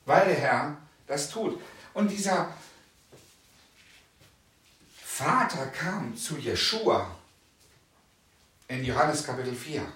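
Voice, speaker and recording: A fairly high-pitched man preaching with fervor, drawing out and repeating his key lines for effect. His voice rings through a reverberant room, picked up from some distance off the mic. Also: animated. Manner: emphatic, repeats phrases slowly and loudly for stress. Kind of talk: sermon.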